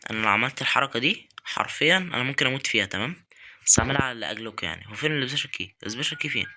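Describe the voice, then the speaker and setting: A man's voice: medium pitch, lively intonation, very fast, bright, forceful tone. A young man with an Egyptian Arabic accent commentating a horror game, nervously muttering prayers and taunting the game. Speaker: gaming YouTuber.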